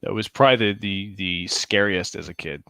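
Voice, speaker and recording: A man's voice: on the low side, normal speed, pushed and bright, clear, resonant tone, no echo. Profane man chatting on a dry mic. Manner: loose and profane, laughing along. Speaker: podcast co-host. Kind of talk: casual chat.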